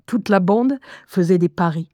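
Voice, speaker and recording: A young adult actress with a lowish, dark voice reads a diary as a wry young woman who hears voices, in a first-person radio drama monologue full of ironic, confiding asides. Her moderate-paced delivery is wry and reminiscent, sounding close to an everyday voice. The recording is studio quality with no echo.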